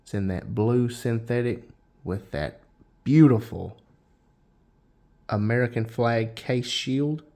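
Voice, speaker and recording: A man hosting a casual show-and-tell vlog, folksy and unhurried, with frequent restarts. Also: medium pitch, dark tone. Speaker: knife channel host.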